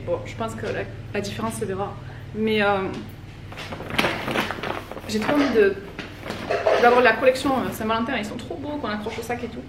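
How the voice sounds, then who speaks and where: Chatty, rambling French woman vlogger. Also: on the high side. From France. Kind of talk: casual chat to camera. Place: home, indoors, folding laundry. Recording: roomy echo, distant mic, background noise.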